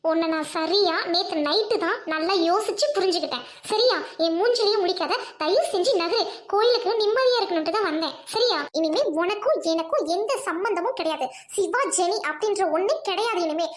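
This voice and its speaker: A woman voicing a hurt, angry young college woman who speaks in a sharp, scornful way, in an audio drama. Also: very high-pitched, expressive, a little fast, few pauses.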